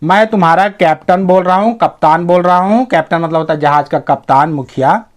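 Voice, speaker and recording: A man teaching English reading as a Hindi-medium teacher, explaining word by word and reading the English lines slowly and carefully. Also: high voice.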